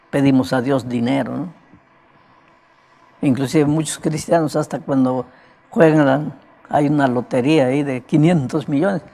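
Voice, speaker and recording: A man's voice: fairly high pitch, gravelly, darkish tone. A man delivers a sermon as an evangelist, his voice cracked and broken. He preaches in a conversational way and keeps checking in with his listeners. He is prone to coughing. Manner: conversational preaching, often asking "right?" of listeners.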